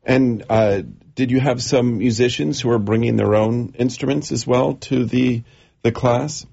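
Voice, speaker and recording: A man hosting a radio interview, speaking haltingly with many fillers. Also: mid-range voice, steady tone, vocal fry, warm tone, breathy edge, highs cut off.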